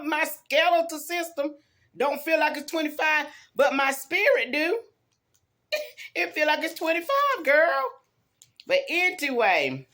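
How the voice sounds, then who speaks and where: Tired after work, a YouTube vlogger gives her viewers a casual, emphatic pep talk, folksy and prone to repeating phrases. Her voice is medium-pitched and a bit bright.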